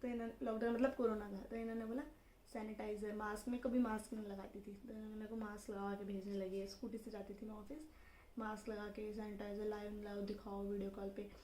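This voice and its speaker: A young woman casually telling the story of how she met her husband, in a lively conversational way. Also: medium pitch, quick pace. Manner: chatty, animated, acts out dialogue in quotes. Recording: roomy echo with faint background noise.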